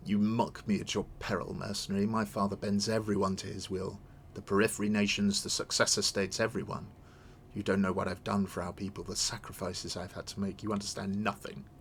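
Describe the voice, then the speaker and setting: Man acting captured video game villainess, sputtering foiled-villain menace, scornful, proud, lowish pitch. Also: level tone, fairly quick, vocal fry, a little hiss or hum. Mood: defiant. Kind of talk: dramatic read-aloud of video game dialogue.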